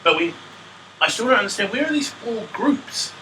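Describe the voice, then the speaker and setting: A man's voice: sits high, sing-song, moderate pace, bright, forceful tone, recorded from a distance, slight background noise, poor audio. A male teacher, telling a playful story in a maths lesson and feigning confusion to draw out his pupils. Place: classroom.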